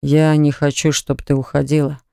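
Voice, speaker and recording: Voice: mid-range voice, fairly even intonation, fairly quick, darkish tone, clean tone, dry recording, studio quality, natural voice. Narrator doing a bossy, commanding grown man. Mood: pleading. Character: domineering grown man, pushy lover. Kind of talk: audiobook character voice.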